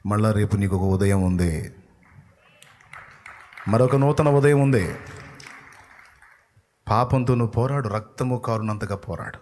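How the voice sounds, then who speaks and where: A pastor preaches a sermon with passion and force, moving between loud outbursts and low, intense passages and often putting pointed rhetorical questions to the listener. He is unhurried and pauses often, with slight background noise in the recording.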